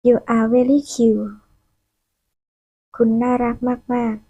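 A woman with a somewhat high, mellow voice reads short lesson phrases in a very unhurried, deliberate way. Each phrase stands on its own with a pause after it, as in a language lesson recording. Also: flat delivery, low-quality recording. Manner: slow, measured, phrase-by-phrase reading with pauses. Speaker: language teacher.

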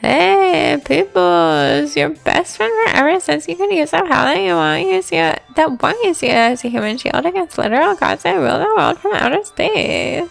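Woman putting on a silly high clown voice. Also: big pitch swings, normal speed, vocal fry, few pauses, faint music behind, heavily acted.

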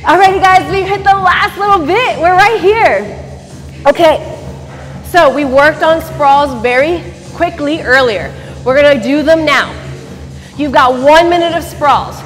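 A woman in her thirties coaching a high-energy workout class, barking urgent, motivating commands like a gym coach. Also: fairly bright tone. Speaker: fitness instructor. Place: large empty dance studio, indoors. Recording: echoey studio hall, distant mic, faint music.

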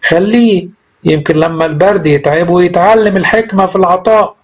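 Irritable doorkeeper, read by a man, Egyptian Arabic accent, annoyed and sarcastic, raised husky voice. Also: sits high, fairly quick, muffled recording. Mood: grumbling. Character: grumbling male church doorkeeper, irritable.

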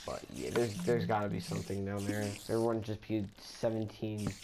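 A man's voice: flat delivery, moderate pace, vocal fry, noisy background. A young man giving casual Let's Play commentary as a gaming video host, talking in a hesitant, rambling way. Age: teen to young adult. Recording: low voice level under music. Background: game music.

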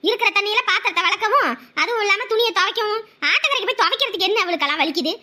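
A woman's voice: very high-pitched, lively intonation, rapid-fire, sharp tone, heavily acted. A woman voicing a scheming, scolding middle-aged stepmother in a cartoon, nagging as she talks. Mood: grumbling. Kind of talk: Tamil cartoon voice acting.

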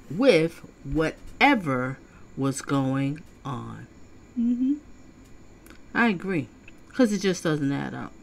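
A woman hosting a livestream with casual, conversational commentary, reading chat comments aloud. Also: lowish voice. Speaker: livestream host.

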